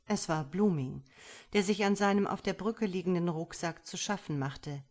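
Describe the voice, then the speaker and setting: Low-voiced woman narrating a story. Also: moderate pace, a little mellow. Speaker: audiobook narrator. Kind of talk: scripted narration.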